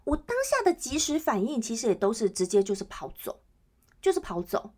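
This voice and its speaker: Woman podcast host, chatty and lively, leans on listeners for agreement. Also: fairly high pitch, brisk, breathy edge. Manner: chatty, keeps checking in with listeners. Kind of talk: casual solo chat.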